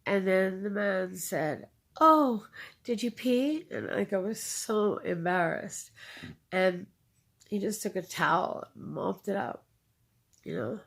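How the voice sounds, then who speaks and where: A woman recounting her own experiences to an interviewer, halting with fillers and repeating phrases for emphasis. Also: mid-range voice, creaky. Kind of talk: personal storytelling in conversation.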